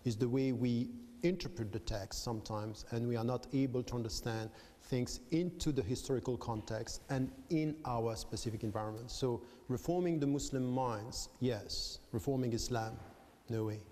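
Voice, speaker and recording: Measured male professor from Switzerland. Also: mid-range voice, mellow. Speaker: professor, guest. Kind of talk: debate interview. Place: debating hall with an audience. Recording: long hall reverb.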